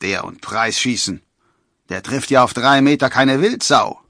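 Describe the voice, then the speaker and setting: A man voicing a drunk male forester who mocks and slurs his words loudly. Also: mid-range voice, no room sound, studio quality, voice pushed up. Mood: mocking. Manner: slurred, slow and loud.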